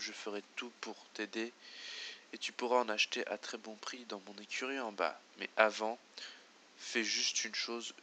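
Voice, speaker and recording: A man voicing a rustic old farmer turned horse breeder in a video game, loud and folksy with bumbling speech. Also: lowish voice, slight background noise.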